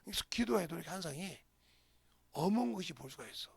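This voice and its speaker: A middle-aged male pastor preaching a storytelling sermon, acting out voices and sometimes shouting. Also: high-pitched, animated, quick pace, creaky, husky. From South Korea.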